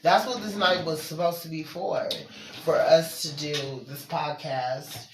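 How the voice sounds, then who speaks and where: A woman's voice: low-pitched, a little slow, background noise. Blunt, profane woman podcaster in an echoey room. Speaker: podcast co-host. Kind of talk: casual chat.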